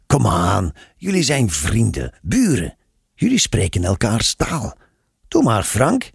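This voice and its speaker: Man voicing a calm, enigmatic storyteller. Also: on the low side, slow, gravelly, slightly rough, dry recording, clean studio sound, voice pushed up, full character voice. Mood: patient.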